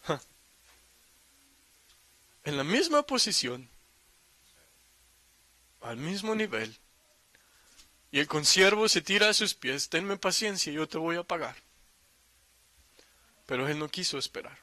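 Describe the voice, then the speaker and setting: Male preacher, high-pitched, reads verses then drives points home with emphatic asides; dry, close recording. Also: sing-song, slow pace, pauses often, bright, forceful tone, dry recording. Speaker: pastor. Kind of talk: sermon.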